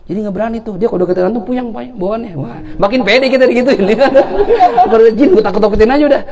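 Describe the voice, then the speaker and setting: A man's voice: high voice, very fast, over a noisy crowd. A man giving an Islamic sermon, telling stories animatedly and acting out the dialogue with jokes. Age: 40s. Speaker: preacher. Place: event hall.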